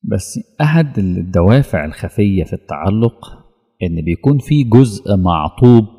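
A man with an Egyptian accent giving a religious lesson in a lively colloquial way, acting out little dialogues. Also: fairly low pitch, moderate pace, breathy edge, in a large hall. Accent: Egyptian Arabic. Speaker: preacher.

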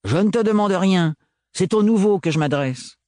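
A man's voice: high voice, lively intonation, normal speed, warm tone, no echo, pitched above the performer's own voice. A brusque, tomboyish mechanic woman with a grating voice, as a man voices her. She speaks curtly and insists, in a close, dry audiobook recording. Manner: curt, insistent.

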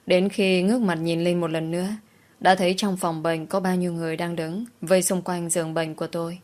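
A woman's voice: on the low side, level tone, a little fast, a little mellow. A woman narrating a first-person audiobook story with a mournful, emotional delivery.

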